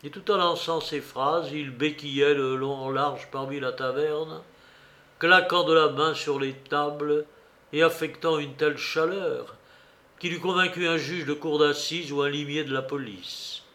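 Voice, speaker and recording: A man narrating a classic adventure story for radio in a measured, deliberate way. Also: a little high, steady tone, bright, forceful tone. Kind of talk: scripted literary narration for radio.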